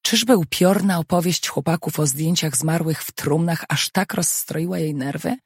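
An audiobook narrator reading a novel in a steady, measured way. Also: mid-range voice, breathy edge, no echo, studio quality.

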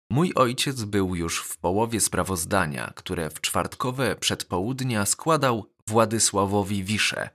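A man narrating a novel as an audiobook, measured and even. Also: lowish voice. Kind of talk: scripted narration.

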